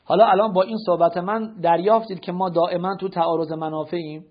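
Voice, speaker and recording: A man's voice: high voice, fairly even intonation. A man giving a religious lecture, firing rhetorical questions at his listeners and correcting their notes. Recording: dull lo-fi lecture recording.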